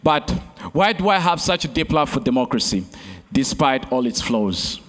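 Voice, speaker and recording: A man's voice: mid-range voice, animated, normal speed, fairly bright tone. Man giving a keynote in a reverberant hall. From Uganda. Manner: repetitive oratory, addresses crowd as friends. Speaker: keynote speaker and competition host. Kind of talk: rhetorical keynote speech. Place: large conference hall stage. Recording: long reverb of a large hall.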